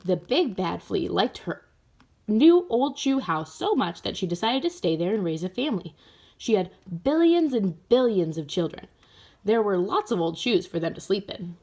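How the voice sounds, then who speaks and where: Here a woman reads aloud to kids, lively and speaking right to them, in a sing-song voice of medium pitch. She keeps a moderate pace, and her tone is on the darker side.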